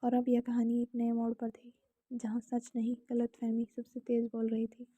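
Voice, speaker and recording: A young Indian-accented woman with a voice on the high side and a breathy edge calmly tells a romantic story at a moderate pace. She sometimes whispers and speaks casually to the listener, recorded at home in a dry, slightly dull setting.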